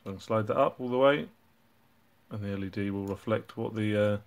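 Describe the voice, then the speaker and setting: A man hosting his own hobby channel, casually walking through a project and explaining it in a relaxed way with frequent ums and uhs. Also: on the low side, fairly quick. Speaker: robotics hobbyist channel host.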